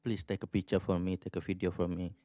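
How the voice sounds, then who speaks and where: A man's voice: low voice, flat delivery, fast talker, warm tone, a little hiss or hum. A man in his twenties from Indonesia, a native Indonesian speaker, chatting loosely at an open mic in a library meeting room. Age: 20s. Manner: chatty with restarts and laughs. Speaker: visiting writer. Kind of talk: casual open-mic remarks.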